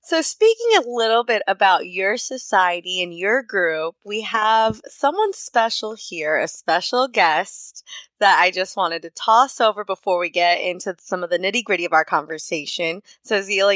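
A woman hosting a podcast, asking interview questions in a calm, conversational way. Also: mid-range voice, normal speed, no echo. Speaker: podcast host.

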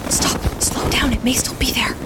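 In a naturalistic audio drama, a woman plays a practical wildlife photographer camping in winter, whispering at a normal pace in a low-key, matter-of-fact way with light acting. She sounds hushed and alert, and clear outdoor ambience can be heard behind her.

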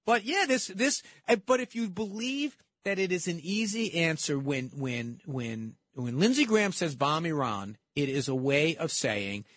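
Emphatic high-voiced male talk host. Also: lively intonation, unhurried, hardly any pauses, fairly bright tone, no echo. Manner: emphatic, repeats words while building a point. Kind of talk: political talk debate.

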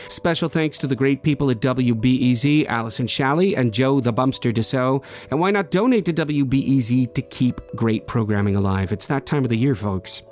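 A man hosting a radio show, telling a first-person story in a measured, expressive way and raising his voice at the tense moments. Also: mid-range voice.

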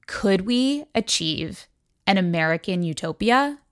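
A woman's voice: mid-range voice, animated, measured pace, background noise. A woman hosting a podcast, reading a scripted introduction and then asking interview questions in an articulate, enthusiastic way. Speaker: podcast host.

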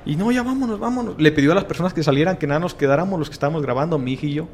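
Racing along with a voice on the high side, a man with a Mexican accent tells a paranormal story over a little hiss or hum. He's an animated guest storyteller who makes paranormal content, talking in casual slang and performing the voices of people he quotes.

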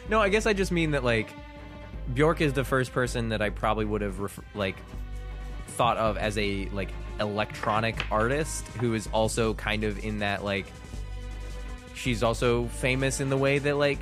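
Male co-host with a lowish voice, halting "like"-heavy delivery, faint music behind. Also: fairly bright tone. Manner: halting, leans heavily on "like". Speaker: podcast co-host. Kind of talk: casual music discussion.

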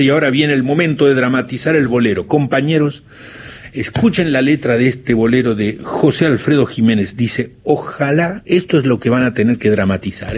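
A man's voice: medium pitch, dark tone, breathy edge. A man with an Argentine accent hosting a radio show in a playful, theatrical way, sometimes reading song lyrics with feeling. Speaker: radio host. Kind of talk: lively radio show talk.

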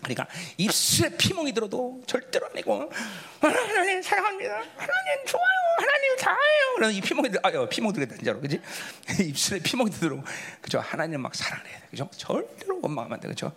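A pastor preaching a sermon, swinging between high exclamations and low murmurs and calling on members of the congregation by name. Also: male voice, huge pitch swings, quick pace, hardly any pauses, a bit bright.

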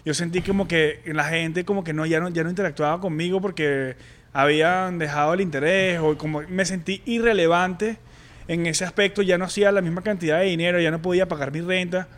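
A man's voice: high-pitched, steady tone, fairly quick, a bit bright. A man, co-hosting a casual podcast and candidly telling a personal story with many restarts and fillers. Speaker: podcast co-host. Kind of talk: casual chat.

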